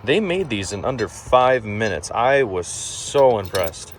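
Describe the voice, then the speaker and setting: Very animated but speaking a little slowly, this young DIY vlogger has a fairly low voice and narrates his truck work in a rambling, self-mocking way. He gets winded at times as he moves between backyard and workshop, indoors and out. A phone propped up nearby records him with slight background noise.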